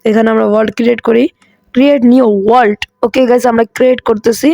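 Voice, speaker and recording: A hoarse man hosting a gaming channel, chatty and excitable as he comments on mobile gameplay, with English phrases mixed in. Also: very high voice, very fast, no room sound, dull audio. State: hoarse, coughing.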